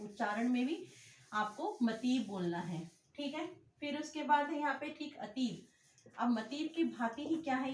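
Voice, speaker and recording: A woman teaching an online exam-prep class, explaining step by step and often asking and answering her own questions. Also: on the high side. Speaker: Sanskrit teacher. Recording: echoey room with faint hiss.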